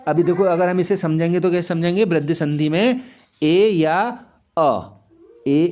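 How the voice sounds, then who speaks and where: Male teacher for a kids' grammar lesson, a touch high-voiced, quizzing the class and answering himself, slow and repetitive. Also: warm tone. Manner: patient, asks the class questions and answers them; repeats examples slowly, stretching key sounds. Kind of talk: Hindi grammar lesson for children.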